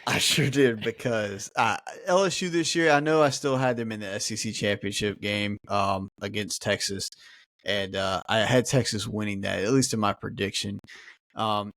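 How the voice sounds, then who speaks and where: Low-voiced casual sports podcast co-host man. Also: fairly even intonation, normal speed, fairly bright tone, dry recording, studio quality. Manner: joking, rambling with fillers.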